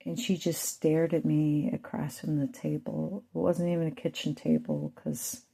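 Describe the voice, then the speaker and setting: A woman's voice: deep voice, flat delivery, measured pace, vocal fry, dark tone, husky. A woman and mother telling a rambling, emotional personal story to her channel's viewers. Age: adult with children. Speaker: channel host.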